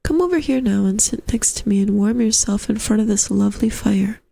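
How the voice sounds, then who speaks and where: A woman's voice: mid-range voice, fairly quick, gravelly, warm tone. A woman voicing a genteel, fussy landlady in a story, with a dainty, coaxing and doting manner. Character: genteel, fussy, sweetly insistent middle-aged landlady. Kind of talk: storybook character voice.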